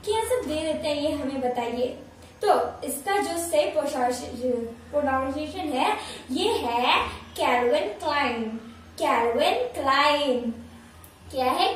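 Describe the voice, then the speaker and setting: A woman teaching in a playful casual way, repeating words slowly and drawn out, recorded from far off in an echoey room. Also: high-pitched, slight background noise. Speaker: English teacher.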